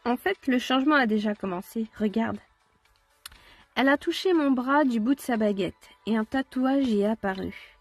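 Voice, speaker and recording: Woman reading a fairy aunt, lofty, wise-sounding, fairly high voice, faint music behind. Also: normal speed. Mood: sagely. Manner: lofty, sage-like speech. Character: mysterious fairy aunt with a wand, grand and teasing.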